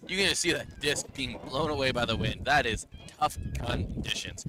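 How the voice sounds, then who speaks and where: A man's voice: medium pitch, moderate pace. A man giving casual, chatty color commentary outdoors, with a self-deprecating manner. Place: outdoors at a windy field. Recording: light wind noise.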